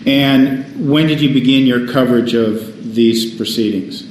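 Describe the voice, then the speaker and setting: A man working as defense attorney, questioning a witness in a halting way with restarts, heard in a courtroom recording. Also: medium pitch, darkish tone. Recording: echoey courtroom recording, faint hiss.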